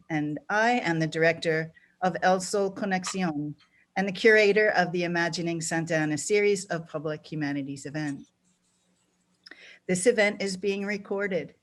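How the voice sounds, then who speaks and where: A woman hosting and introducing speakers at an online event over a video call, speaking earnestly with small restarts. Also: lowish voice. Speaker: program director and event host. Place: home or office on a video call.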